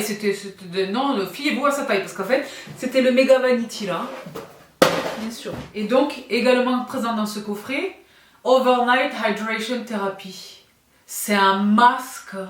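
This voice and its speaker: A woman's voice: a little high, a bit bright, reverberant, far from the mic. A woman beauty vlogger chatting casually and effusively while reviewing skincare products, laughing often.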